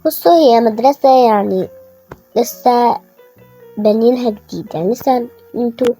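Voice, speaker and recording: A woman with an Egyptian Arabic accent voicing a fussy, scolding mother in a toy-game story, with a high, husky, mellow voice. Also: normal speed, faint music behind. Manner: nagging, exasperated. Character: fussy, scolding mother waking her kids.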